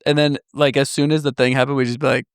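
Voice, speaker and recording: A man's voice: medium pitch, flat delivery, fast, vocal fry, clean tone, dry recording, studio quality. Enthusiastic man telling a story. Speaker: podcast co-host; father of young kids. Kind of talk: casual podcast chat. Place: home in Southeast Michigan.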